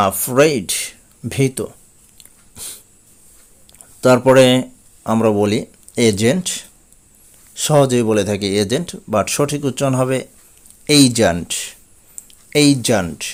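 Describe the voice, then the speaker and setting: A man with a Bengali accent teaching English pronunciation, saying each word several times and then giving its meaning. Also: medium pitch. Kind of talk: slow, repetitive pronunciation lesson.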